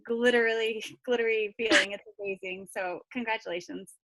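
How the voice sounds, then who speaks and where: A woman's voice: fairly high pitch, big pitch swings, normal speed, creaky, a bit bright. A tired woman hosting a team call on a video call, chatty and encouraging. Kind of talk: casual chat on a video call.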